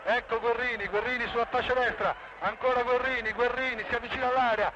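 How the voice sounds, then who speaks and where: A man giving breathless, excited live football commentary on the radio, shouting and repeating his words as goals go in. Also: very high-pitched, fast talker. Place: outdoor football stadium. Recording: dull noisy radio broadcast, loud stadium crowd. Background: roaring crowd and loud noise.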